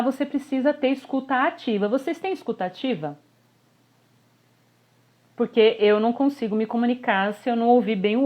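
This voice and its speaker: A woman, a communication coach giving a live online workshop, animated and constantly checking in with her listeners. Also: on the high side. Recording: slightly dull lo-fi audio.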